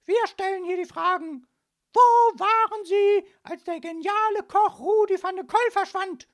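A woman voicing a tall young policewoman, shouting in a shrill, domineering way in a storybook reading. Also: measured pace. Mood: shrill bossy. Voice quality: shrill, barking.

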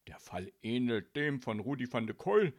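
A man's voice: mid-range voice, sing-song, normal speed. Man playing an indignant grumbling young man.

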